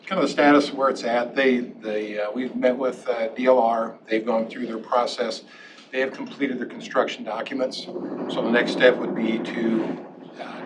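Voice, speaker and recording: A man, a county sheriff, briefing a board with a halting delivery and many restarts. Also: medium pitch. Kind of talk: meeting briefing. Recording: distant mic with loud noise.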